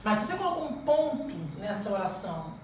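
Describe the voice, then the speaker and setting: A woman's voice: mid-range voice, sing-song, brisk, background noise. A Brazilian woman teacher giving a classroom grammar lesson, quizzing students with rising questions. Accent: Brazilian Portuguese. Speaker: Portuguese teacher. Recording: echoey room, mic at a distance.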